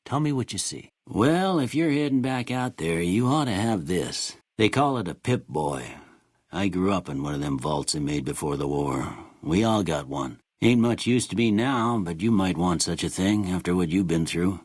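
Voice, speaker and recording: A kindly old frontier doctor for a video game, low and husky. He speaks in a plainspoken rural Western American drawl that swings freely up and down. The delivery is folksy and wry, in a close, dry recording. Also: lively intonation, normal speed, no room sound. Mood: gentle, wry. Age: older. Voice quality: raspy, gravelly. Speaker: voice actor. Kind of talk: video game character dialogue.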